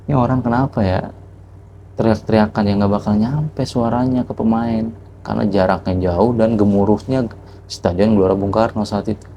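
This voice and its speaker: A man's voice: lowish voice, fairly even intonation, normal speed, mellow, lo-fi sound, a little hiss or hum. A man telling a reflective motivational story to the camera, asking rhetorical questions as he goes. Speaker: vlogger.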